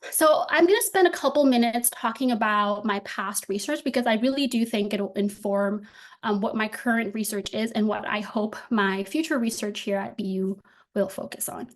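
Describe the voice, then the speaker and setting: A woman's voice: medium pitch, moderate pace. A young woman from the Dominican Republic, a doctoral student giving an academic talk over a video call, friendly and full of filler ums. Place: indoor room at home. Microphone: laptop webcam on video call.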